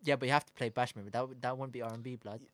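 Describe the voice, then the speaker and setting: A young man speaks in an urban southern English roadman accent at a middling pitch. He sounds like a podcast host bantering casually in heavy street slang, recorded close and dry. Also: fairly even intonation, rapid-fire, fairly bright tone, dry recording.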